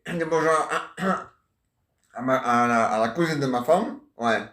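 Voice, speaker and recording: A man playing a chatty middle-aged husband who grumbles about his wife, rambling and often clearing his throat. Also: a little high, fairly bright tone, roomy sound. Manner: rambling, repeats himself, frequent throat clearing. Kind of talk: homemade comic character sketch.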